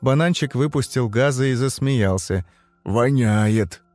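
Man narrating a grim story over soft music. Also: on the low side, normal speed, dry recording. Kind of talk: scripted narration of a dark story. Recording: faint music under the voice.

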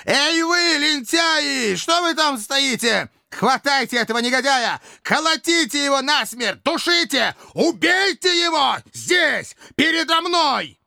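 A man voicing a furious, dying old Roman dictator, hoarse and frenzied as he screams orders. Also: very high-pitched, expressive, a little slow, hardly any pauses, sharp tone, no room sound, studio quality, pitched above the performer's own voice, heavily acted. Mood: raging.

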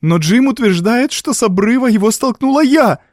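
A man's voice: on the high side, normal speed, a little mellow, dry recording, studio quality, pitched above the performer's own voice, close to an everyday voice. A man voicing a distraught young woman. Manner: pleading, trembling. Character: frightened young wife, distraught.

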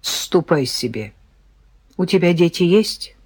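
A woman voicing a weary middle-aged woman who brings parcels to a prisoner, talking quietly and sighing. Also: on the low side, animated, slow, slightly rough, no echo, clean studio sound, heavily acted.

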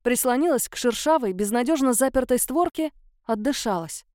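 A woman narrates a first-person fantasy audiobook in a lively, expressive way. Her voice sits fairly high and the recording is dry and close. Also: normal speed, no echo.

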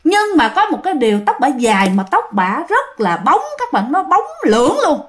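A high-voiced woman tells ghost stories conversationally, regularly addressing the people listening. She speaks at normal speed with big swings in pitch.

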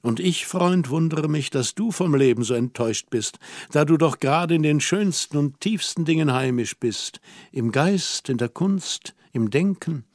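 A man reading the part of a worldly, teasing young woman in an audiobook, gentle and lightly mocking. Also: on the high side, expressive, measured pace, no room sound, clean studio sound.

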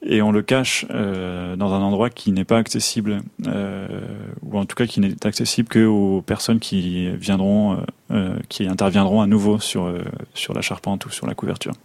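A man, a craftsman, telling an anecdote in an unhurried way with frequent fillers. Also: fairly low pitch, fairly even intonation, creaky, darkish tone, dry recording.

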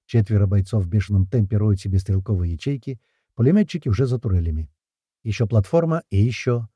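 A man's voice: lowish voice, dark tone, breathy edge, no echo, studio quality. A man narrating a tense first-person action audiobook.

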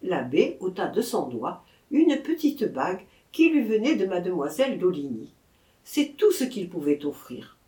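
A woman narrating a classic novel as an audiobook, in an expressive storytelling manner. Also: fairly low pitch, moderate pace. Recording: echoey room.

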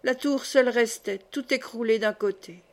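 A woman narrating a classic novel as an audiobook in a measured, gentle storytelling manner. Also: on the high side. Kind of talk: literary audiobook reading.

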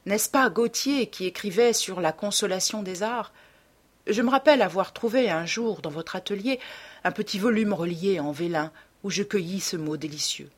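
A woman reading the part of a cynical, self-assured young man in an audiobook, in a smooth, detached way. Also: mid-range voice, moderate pace, close to an everyday voice. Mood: coolly musing. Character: cold, cynical young male dandy.

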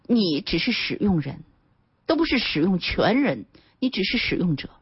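A woman lawyer as a guest on a radio talk show, explaining points in an animated way and acting out everyday examples. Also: medium pitch, breathy edge, dry recording. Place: radio studio. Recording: dull radio broadcast sound.

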